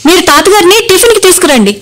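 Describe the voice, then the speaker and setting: An actress playing a dutiful but tart young wife in an old radio show drama. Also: female voice, very high voice, sing-song, rapid-fire, fairly bright tone, heavily acted.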